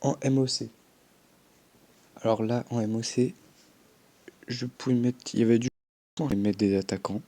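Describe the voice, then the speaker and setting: A man's voice: medium pitch, fairly even intonation, moderate pace, long pauses, dark tone. A young man chatting casually as a gaming YouTuber, commenting on his game with offhand swearing and little sound effects.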